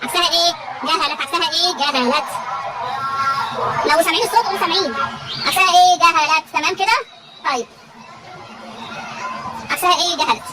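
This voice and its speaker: A woman teacher with an Egyptian Arabic accent runs a classroom vocabulary drill, repeating every question so the students answer back. Her voice is high and her pace is very fast. A loud crowd and steady noise fill the background. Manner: repetitive call-and-response questioning.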